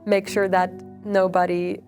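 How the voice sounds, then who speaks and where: A young adult woman, a PhD researcher, explaining in measured interview answers with frequent ums and uhs. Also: fairly low pitch, soft background music. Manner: measured, even, with frequent fillers. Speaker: PhD researcher on extreme heat.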